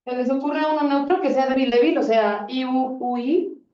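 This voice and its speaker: This Spanish teacher's voice is high and warm, moving at a moderate pace as she runs a grammar class, posing questions and cheering students on. It's captured lo-fi from across a reverberant classroom.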